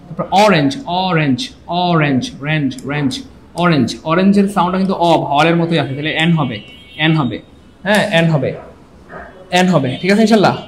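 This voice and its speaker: A male English grammar teacher giving a live online class, animated and joking, and urging viewers to comment. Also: on the high side, a little fast.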